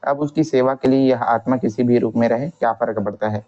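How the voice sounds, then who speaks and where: A man's voice: medium pitch, fairly even intonation, fairly quick, dark tone, natural voice. A man reading the lines of a young revolutionary facing execution who is tender toward his mother, plainly and aloud from a textbook. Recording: dull lo-fi recording.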